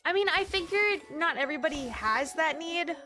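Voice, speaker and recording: A woman's voice: very high voice, expressive, moderate pace, bright, forceful tone. A woman from the Midwest, chatting in a rambling, filler-heavy way while she streams a game and laughs often. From American Midwest. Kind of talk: casual gaming stream chat. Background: game music.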